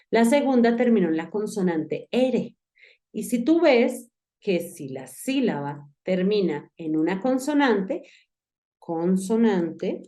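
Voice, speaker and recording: A woman's voice: medium pitch, darkish tone. A woman teaching an online English phonetics lesson, patiently explaining step by step and speaking directly to the student. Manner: patient, explanatory, addresses the student directly and repeats key steps.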